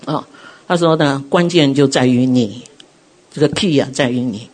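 A middle-aged woman preaching a sermon, telling her own testimony in an animated way and acting out quotes. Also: rumbling low, normal speed. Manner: animated storytelling, acts out quotes.

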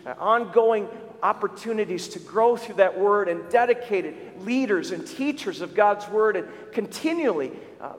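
A man's voice: high voice, animated, normal speed. A male pastor giving a conversational sermon with church updates, often restarting and repeating words. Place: church sanctuary. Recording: long church reverb.

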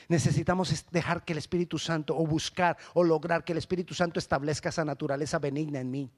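A middle-aged male pastor preaching a sermon, lively and emphatic, acting out the church members he quotes. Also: a little high. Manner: animated preaching, rising to loud emphatic peaks.

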